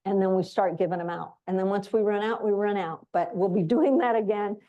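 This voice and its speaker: Brisk and dark-toned, a woman's mid-range voice delivers informal announcements to an audience on behalf of an association's global programs. The recording has its highs cut off.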